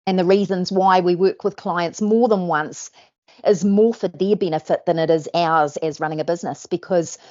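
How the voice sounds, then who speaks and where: A woman's voice: on the low side, normal speed, darkish tone, muffled recording. A woman, a hypnosis trainer hosting, chatting in an upbeat, encouraging, coaching way. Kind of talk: casual interview chat.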